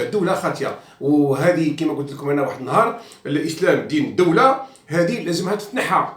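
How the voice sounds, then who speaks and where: An Algerian man talks quickly and bluntly, mocking as he goes and mixing French into his Arabic. His voice sits a little high. He is heard from some distance off the mic, in a room that echoes. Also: a bit bright. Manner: outspoken and mocking, mixing in French, many fillers and restarts. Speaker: journalist commentator. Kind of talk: casual monologue.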